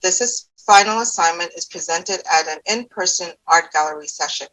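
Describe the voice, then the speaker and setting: A woman's voice: lowish voice, normal speed, fairly bright tone, rough recording. A woman presenting from a script, narrating an overview.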